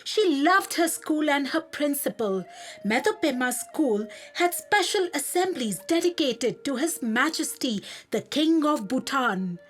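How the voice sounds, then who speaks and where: A woman gently narrating a children's storybook. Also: high-pitched, expressive. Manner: slow, gentle and clearly spoken.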